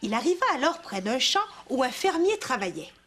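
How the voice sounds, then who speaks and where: A woman with a Quebec French accent reading a children's story aloud as a mother, with animated expression, in a kids' cartoon. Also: high voice, brisk, faint music behind.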